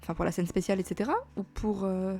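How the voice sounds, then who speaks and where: Woman chatting thru a story game, gushy, lots of euh, mid voice, soft music under. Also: mid-range voice, steady tone, fast, vocal fry, husky. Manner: chatty, gushing, filler-heavy. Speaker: let's play host. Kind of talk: casual game commentary, reading story text aloud.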